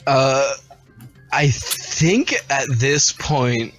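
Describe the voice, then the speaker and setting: A man's voice: mid-range voice, very slow, a bit bright, soft background music, low-quality recording. A man playing a tabletop game, easygoing and laughing as he describes his character. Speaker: player. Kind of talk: casual tabletop game play.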